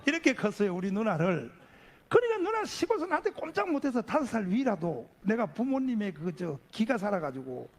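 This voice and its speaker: Gravelly, animated middle-aged pastor preaching. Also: male voice, high voice, brisk. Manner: animated storyteller acting out voices. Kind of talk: testimony sermon.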